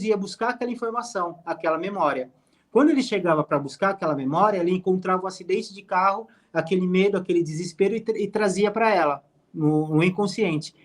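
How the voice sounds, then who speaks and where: A man, a hypnotherapist guest calmly explaining his work in an interview. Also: high-pitched. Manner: calm, explanatory storytelling. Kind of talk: interview conversation.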